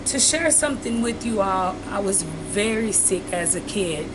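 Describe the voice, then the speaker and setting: An earnest woman from Haiti, speaking with a Haitian accent, tells her viewers a personal story and keeps calling them "you all." Her voice sits in a middle pitch range. The recording has loud background noise, with an air conditioner humming throughout. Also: lively intonation, measured pace. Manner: switches between English and Haitian Creole. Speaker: vlogger. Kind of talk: personal testimony to camera.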